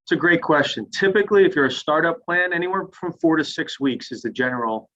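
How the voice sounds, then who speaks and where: A man walks an online audience through the rules in a plain, step-by-step way, often opening with "so". His voice is bright and forward. It comes through as dull, lo-fi call audio from a screen recording. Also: fairly high pitch, fairly quick, slight background noise. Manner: plain, step-by-step, starts sentences with "so". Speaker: webinar presenter on retirement plans. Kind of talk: explaining and answering audience questions.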